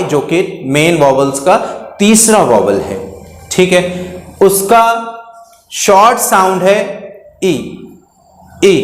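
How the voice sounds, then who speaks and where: A man teaching a beginner English lesson in Hindi, repeating each example word slowly several times. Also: high-pitched. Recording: echoey room with long reverb.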